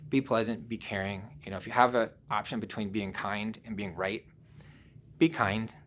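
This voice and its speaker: A man's voice: fairly low pitch, steady tone, moderate pace, a bit bright, slight background noise. Conversational man giving a talk. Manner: conversational, personal anecdotes, frequent "um" and "you know". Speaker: conference speaker. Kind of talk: virtual presentation talk.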